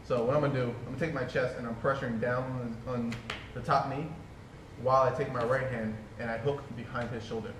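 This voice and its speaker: This is a laid-back man on a casual jiu-jitsu podcast, his mid-range voice fairly even in intonation and a little fast. He rambles a bit before explaining a technique in steps, leaning on fillers like "you know." It was recorded in an echoey space with noise behind him.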